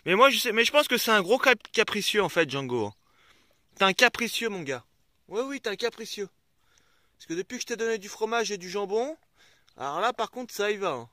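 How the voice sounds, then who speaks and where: There's no room sound as a young man, high-pitched and quick, delivers a casual travel vlog outdoors by a river. His bright, forceful voice swings widely in pitch while he chats to viewers and his dogs, cursing when annoyed.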